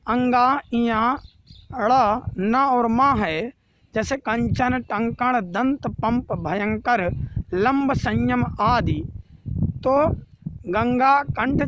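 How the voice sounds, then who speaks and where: Guy teaching kids grammar real slow, says every rule twice then quizzes himself, faint hiss behind. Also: very high voice, fairly bright tone. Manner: repeats each rule, then asks and answers his own question. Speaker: Hindi teacher. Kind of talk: grammar lesson for children.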